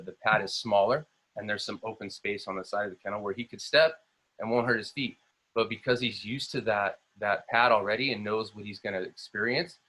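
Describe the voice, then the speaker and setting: A man's voice: on the low side, pushed and bright. A young adult man, a health coach, giving an upbeat motivational training talk on a video call, full of fillers and restarts.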